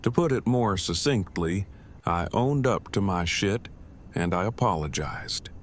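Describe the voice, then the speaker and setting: A man playing an earnest, nerdy fellow who speaks in a stilted, verbose, deadpan way in an audio drama. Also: deep voice, a little slow. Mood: earnest, measured. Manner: stilted, wordy, formal, deadpan. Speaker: voice actor in a fan audio drama. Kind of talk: acted audio drama dialogue. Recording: faint background ambient noise.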